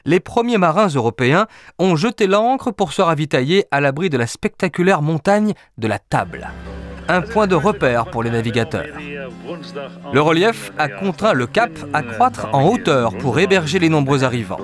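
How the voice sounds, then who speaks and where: Music sits clearly under a travel documentary narration recorded in a studio booth. The man reading it has a somewhat high voice, a lively, wide-ranging melody, and a moderate pace.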